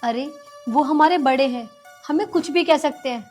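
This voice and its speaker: An actress playing a dutiful young daughter-in-law who speaks earnestly and pleadingly. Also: female voice, high voice, normal speed, a little mellow, faint music behind, natural voice.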